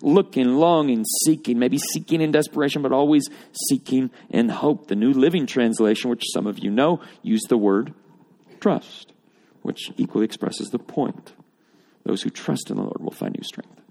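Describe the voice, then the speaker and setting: A pastor preaches to a congregation in a church or auditorium, explaining scripture and building emphasis through repeated phrases. His mid-range voice is mellow with some vocal fry, moving at a normal speed.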